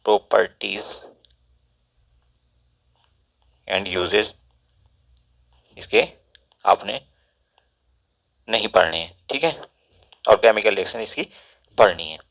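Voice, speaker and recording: A man's voice: fairly low pitch, gravelly. A man, a teacher walking students through a syllabus and steadily repeating section numbers. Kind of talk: syllabus walkthrough lesson. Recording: dull lo-fi recording.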